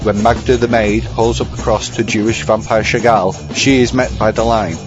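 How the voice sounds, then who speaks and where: A man with a lowish, fairly even voice hosts a podcast segment, delivering scripted film and book commentary at a moderate pace in a dry, bookish way. The sound is slightly dull, with music underneath.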